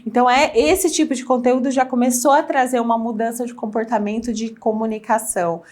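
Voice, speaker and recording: A woman talks on a studio talk show, and her voice sits a bit higher than most. She speaks with animation and throws herself into the points she makes. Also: fairly quick. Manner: animated, acts out quoted remarks with exaggerated voices. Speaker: guest commentator on social media.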